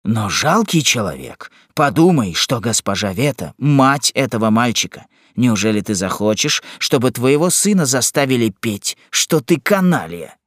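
A man's voice: medium pitch, very animated, normal speed, few pauses, a bit bright, no room sound, studio quality. A man voicing an upright male sergeant who reproaches a bully firmly in an audiobook. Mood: indignant. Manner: firm, reproachful. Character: indignant upright male sergeant, defends the weak. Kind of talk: audiobook character reading.

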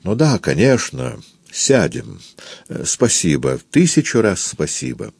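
A man's voice: on the low side, unhurried, gravelly, husky, dry recording, pitched above the performer's own voice, exaggerated voice. A man reading as a gushing, stout music impresario. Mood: effusive. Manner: effusive, flattering, lightly foreign-tinged. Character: stout cheerful fortyish male music impresario. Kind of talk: audiobook character reading.

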